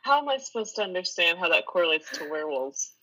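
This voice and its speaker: A woman with a very bright, sharp voice, chatting casually and tossing back playful retorts. Her pitch swings widely as she talks. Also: very animated, fast, rough recording. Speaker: friend listening. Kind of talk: casual chat.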